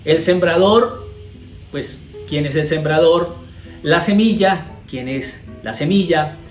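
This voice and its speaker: A male pastor with a Colombian Spanish accent and a somewhat high voice teaches a devotional. He reads scripture aloud, then breaks it down with rhetorical questions. The room echoes, and soft guitar music plays faintly behind him. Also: slow.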